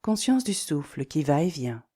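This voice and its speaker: Her deep, husky voice carries a yoga nidra relaxation. She gives calm, soothing directions slowly, pausing deliberately.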